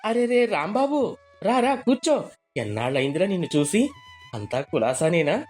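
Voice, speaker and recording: A man's voice: sits high, very animated, moderate pace, faint music behind. Man playing a naive, generous village husband, coaxing and open-handed, cartoon story. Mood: cheerful. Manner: soft-hearted, trusting, coaxing. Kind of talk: animated story voice acting.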